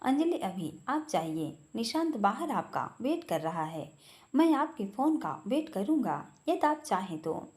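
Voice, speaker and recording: A woman voicing a grave, calm male boss. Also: fairly high pitch. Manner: serious, calm, measured.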